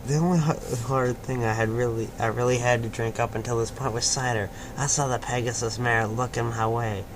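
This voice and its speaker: This man narrates fan fiction aloud in a casual, amateurish way, stumbling now and then, and the home recording is clearly noisy. His mid-range voice is steady in tone and brisk.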